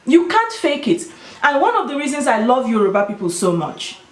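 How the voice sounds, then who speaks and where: Nigerian woman vlogger, Igbo accent, highish and very animated voice, emphatic delivery, roomy echo. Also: moderate pace. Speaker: video host. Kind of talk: casual opinionated talk to viewers. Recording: roomy, echoing sound.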